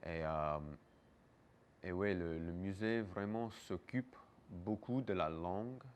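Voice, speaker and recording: A man's voice: sits low, slow pace, slight background noise. A man giving hesitant, explanatory answers in a casual interview. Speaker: museum interviewee.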